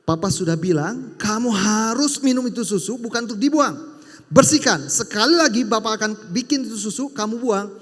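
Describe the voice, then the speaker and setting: Man playing a firm, commanding dad with a high voice, echoing in a big hall. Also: animated, normal speed, pauses often. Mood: stern. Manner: firm, commanding, then gentle. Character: stern but loving father disciplining his small daughter. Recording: reverberant hall.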